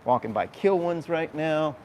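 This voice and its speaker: An animated but unhurried man, his voice on the high side with a darkish tone, hosts a live walking tour outdoors. He explains things chattily and points out sights, and the street recording carries plenty of city noise.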